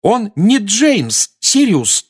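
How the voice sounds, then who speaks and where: A storybook voice of a protective mother witch, put on by a male narrator, pushed well up into a high, strained register. She scolds hard and insists on every word, climbing toward a shout. Her pitch swings widely from line to line. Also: huge pitch swings, brisk. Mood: scolding. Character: stern motherly middle-aged witch, protective and sharp.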